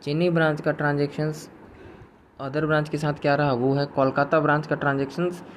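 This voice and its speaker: A man's voice: on the high side, flat delivery, brisk, slight background noise. A man teaching a recorded accounting lecture in a chatty way, mixing in English terms and answering imagined questions from students.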